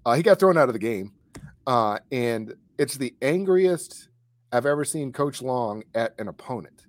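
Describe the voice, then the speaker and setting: A man's voice: mid-range voice, lively intonation, moderate pace, no room sound. A man telling a story in a casual chat, with many fillers and restarts. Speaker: co-host recalling high school kicking.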